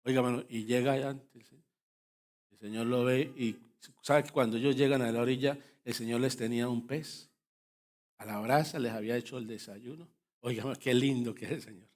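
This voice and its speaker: A man's voice: medium pitch, fairly even intonation, a little fast, darkish tone. A male pastor, preaching a fervent sermon and addressing the congregation as brothers. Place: church.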